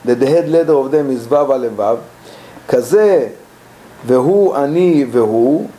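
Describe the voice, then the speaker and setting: A man teaching a text, reading it and translating it into halting English line by line. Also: medium pitch, warm tone, low-quality recording. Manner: halting, repeating phrases while translating. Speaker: Torah teacher.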